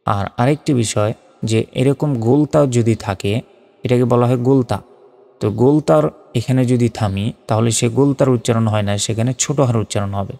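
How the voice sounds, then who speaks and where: A man teaching Quran reading, who spells out Arabic letter by letter and slowly chants the verses, patient and methodical. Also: medium pitch, vocal fry, mellow, long reverb tail.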